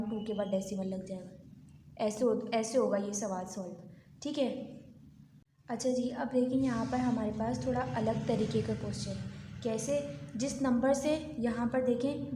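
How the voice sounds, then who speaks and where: A woman's voice: a little high, mellow, echoey room. A woman maths teacher explaining a lesson step by step, patiently counting numbers aloud and checking in often. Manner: patient, repeats counts aloud, frequent "theek hai".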